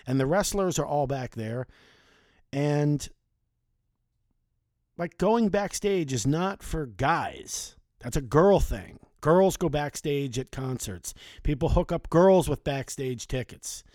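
A talkative man in his forties spins loose, casual stories from years back. His voice sits a touch high for a man, and it sounds close and dry, with no room echo. He drifts from one aside to the next and swears now and then. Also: expressive, slow pace, a little mellow. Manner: chatty, conversational, with mild swearing. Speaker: storyteller. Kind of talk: casual anecdotal storytelling.

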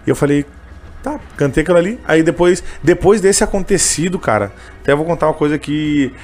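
Guy talking fast, kinda high voice, emotional story, lots of fillers. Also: animated, a little mellow, a little hiss or hum. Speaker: interviewee, candy seller who sings on trains. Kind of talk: casual storytelling.

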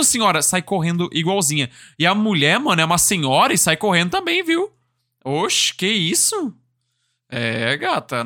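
A man from Brazil hosts a casual solo podcast, talking in a lively, swooping way and swearing freely. His voice is bright and forward, recorded close and dry. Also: high voice, no echo. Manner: animated, laughing, swearing freely. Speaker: podcast host.

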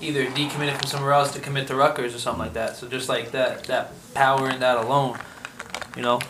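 A man's voice: mid-range voice, level tone, quick pace, noisy background. A young man co-hosting a podcast, speaking casually and earnestly about sports. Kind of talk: casual chat.

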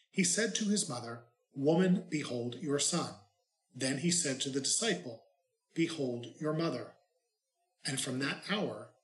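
A man, a priest, reads scripture and gives a homily in an unhurried way with light, self-mocking humor, his voice carrying a cathedral echo. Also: mid-range voice, a bit bright. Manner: plain, unhurried reading that turns to light, self-mocking storytelling. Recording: echoey church reverb.

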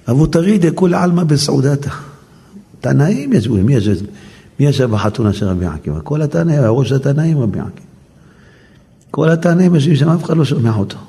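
A male rabbi tells a Talmud story as a lesson. He quotes the Aramaic and then explains it in lively storytelling. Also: fairly low pitch.

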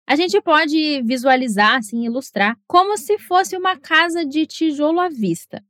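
A woman teaching English in a scripted lesson, with a lively, encouraging manner and Portuguese as her first language. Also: high voice, no echo, studio quality.

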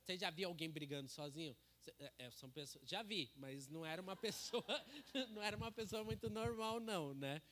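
A man's voice: sits high, a little fast, a bit bright, slight background noise. A man giving a casual church sermon into a handheld microphone, chatty and joking, with many tag questions. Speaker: preacher.

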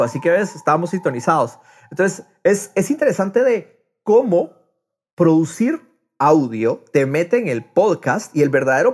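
This man hosts a podcast, speaking with a Latin American accent in a fairly high, husky, slightly mellow voice. He talks expressively and casually, frequently repeating words while working through his thoughts out loud.

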